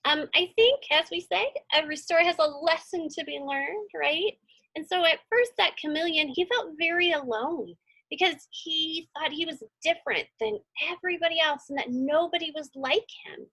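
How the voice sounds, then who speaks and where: On a low-quality recording, a woman with an extremely high, sharp-toned voice reads a storybook at a normal pace for a children's read-along. As their teacher, she chats informally, encourages the kids and keeps asking them questions.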